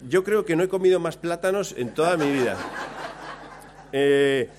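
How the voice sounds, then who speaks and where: A man telling a lively, self-mocking story about himself, acting out his own lines along the way. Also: on the high side, normal speed, a crowd in the background. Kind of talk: anecdote told to listeners.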